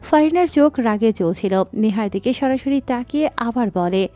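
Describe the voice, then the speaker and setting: A woman narrates a dramatic audio story in a steady reading voice, a little higher than average. Soft background music runs beneath her throughout. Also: normal speed.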